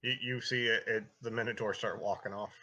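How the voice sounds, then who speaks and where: A man's voice: fairly low pitch, fairly even intonation, brisk, sharp tone, lo-fi sound, slight background noise. A man improvising narration as game master of a tabletop fantasy game, in a casual, conversational way.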